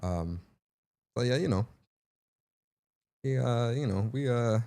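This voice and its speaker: A young man hosts a casual livestream, speaking slowly and directly to his chat. Playful and animated, he gets loud and high when teasing, then drops low and quiet for his asides.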